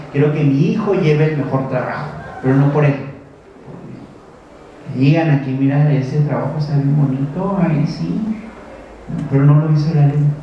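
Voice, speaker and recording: A man's voice: mid-range voice, slight background noise. A man with a Mexican accent, a teacher giving a talk to a parents' group, who keeps checking in with his listeners and acts out parents and children. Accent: Mexican Spanish. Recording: very echoey, distant, dull lo-fi room recording.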